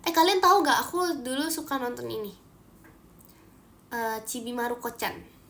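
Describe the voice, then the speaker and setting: A young Indonesian woman with a high, bright voice chats casually on a livestream, reacting to viewer comments with giggles and quick asides. She sounds close to a phone mic, with faint room noise behind her. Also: expressive. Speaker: idol livestream host.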